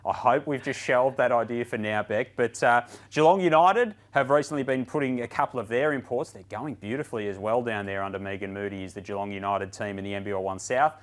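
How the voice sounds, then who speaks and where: An Australian man presenting a studio sports show with upbeat enthusiasm. He sits at a middling pitch, middle-aged and lively in delivery. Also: a little fast, hardly any pauses.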